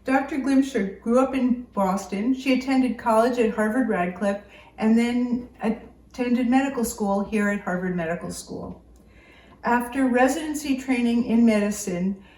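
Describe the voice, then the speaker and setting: A woman's voice: fairly high pitch, mellow. Echoey, distant woman giving formal podium speech. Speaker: academic introducing a keynote speaker. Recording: roomy echo, distant microphone.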